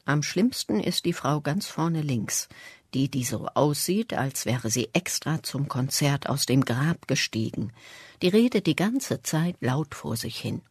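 Husky storybook narrator, middle pitch, steady first-person telling. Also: unhurried, no echo. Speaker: audiobook reader.

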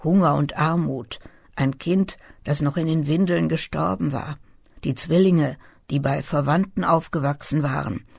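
Gravelly, husky audiobook narrator. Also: medium pitch, dry recording, clean studio sound. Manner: calm, measured storytelling. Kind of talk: scripted literary narration.

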